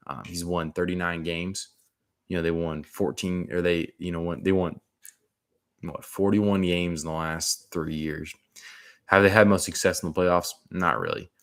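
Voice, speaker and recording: Deep-voiced man ranting casually about football. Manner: rambling, slangy, frequent "man" and "dude". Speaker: sports commentator. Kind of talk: casual sports talk.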